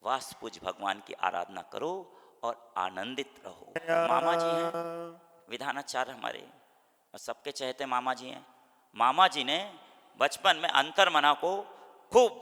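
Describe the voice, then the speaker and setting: A man giving a sermon as a monk, animated, acting out angry people and then dropping to soft, almost whispered advice. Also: fairly high pitch, big-room sound. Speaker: Jain monk preacher.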